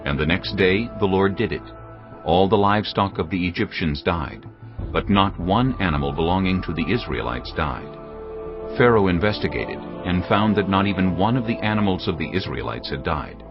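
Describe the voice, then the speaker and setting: With steady music underneath and slightly muffled audio, a man reads scripture at a moderate pace. His voice is deep and grave, moving expressively up and down.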